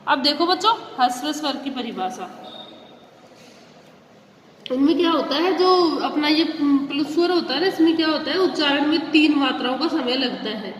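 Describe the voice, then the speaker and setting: High-voiced woman teaching children, echoey room. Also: animated, normal speed, a little hiss or hum. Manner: patient, asks questions and answers them herself; addresses children directly. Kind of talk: classroom Hindi grammar lesson. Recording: echoey room with long reverb.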